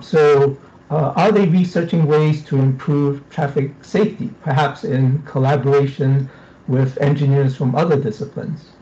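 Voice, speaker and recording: A middle-aged man from Singapore asking a formal, deliberate question on a video call. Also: on the high side, dark tone. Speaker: audience member asking a question. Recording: dull lo-fi video call audio.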